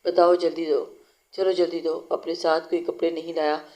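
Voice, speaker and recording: Young husband role, playful and coaxing, even tone, read by the narrator. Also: medium pitch, moderate pace, natural voice, poor audio. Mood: teasing. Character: young husband, teasing and affectionate.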